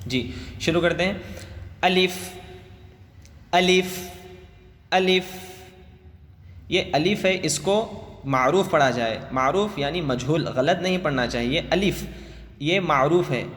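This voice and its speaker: A man teaching children Quran letters with tajweed. He chants each letter slowly and drawn out, then explains it quickly. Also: a little high, a bit bright. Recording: long reverb, faint music.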